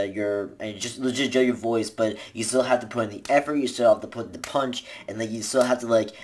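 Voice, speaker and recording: Seated in a gaming chair in his small bedroom, a man in his twenties gives casual voice acting tips to a webcam at desk distance. His voice is on the low side and darkish, and he rambles, restarts sentences, says "like" a lot, and gestures with both hands.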